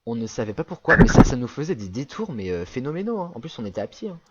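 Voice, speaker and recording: A man's voice: mid-range voice, sing-song, quick pace, muffled recording, very noisy. Rambling young man telling a story. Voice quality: rambling, many fillers and restarts. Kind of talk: casual storytelling chat.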